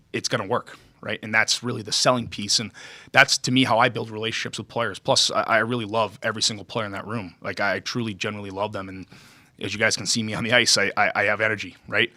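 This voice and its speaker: Bright, forceful low-voiced man explaining earnestly. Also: no echo. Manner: earnest, emphatic, often checks in with "right?". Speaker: hockey skills development coach. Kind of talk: press conference answers.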